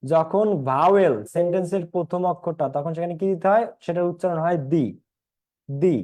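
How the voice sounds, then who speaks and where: A man's voice: high voice, fairly quick, darkish tone. A young man with a Bangladeshi Bengali accent teaching an English class online, repeating points and quizzing his students.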